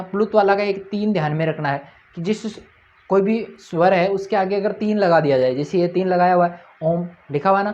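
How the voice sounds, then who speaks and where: A man's voice: high voice, a little mellow, muffled recording. A man teaching a grammar lesson at a board. He keeps asking his own questions, answers them, and repeats each point.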